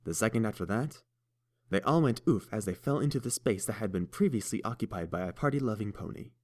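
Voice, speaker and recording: A man narrates fan fiction as an audiobook, reading from a script in a steady, measured voice that sits a little low. He keeps the narration even and hands off to the characters' voices.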